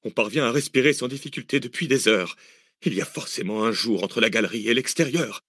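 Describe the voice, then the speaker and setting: A man reading an audiobook, voicing a calm, authoritative man who gives measured orders. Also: medium pitch, breathy edge, no echo, clean studio sound. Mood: commanding. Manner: measured, commanding. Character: calm, authoritative older man, cool-headed planner. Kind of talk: audiobook character voice.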